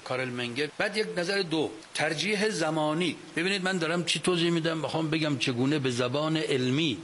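A man's voice: on the high side, low-quality recording. A man with a slightly raised voice delivers a religious lecture, arguing his case and firing rhetorical questions at his listeners. He speaks into a microphone before an audience. A faint hiss runs under the recording. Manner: animated, argumentative, asks rhetorical questions. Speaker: cleric lecturer.

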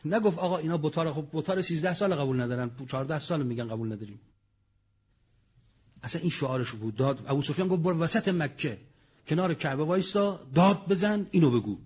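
A man's voice: a little high, expressive, a little mellow, slightly rough, muffled recording. A man giving a religious lecture, telling history with dramatic storytelling and sudden raised outbursts. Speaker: preacher.

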